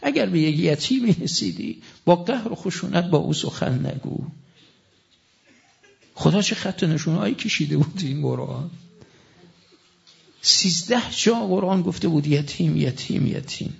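A man's voice: a little high, expressive, creaky, pauses often. A middle-aged man preaching a sermon with mounting passion and weighty recitation. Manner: impassioned, rising to fervent emphasis, recites scripture in Arabic. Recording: dull lo-fi recording.

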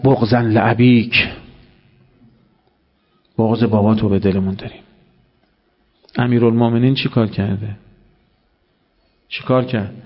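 Male preacher, mid-pitched, animated storyteller, dull recording. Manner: animated storytelling, acting out dialogue. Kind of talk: religious sermon.

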